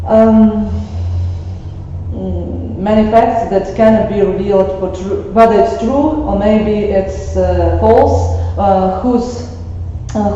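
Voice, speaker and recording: A woman presents a classroom lesson slowly and haltingly, with many fillers. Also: mid-range voice, mellow, slight background noise. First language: Ukrainian. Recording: echoey classroom, far mic, dull.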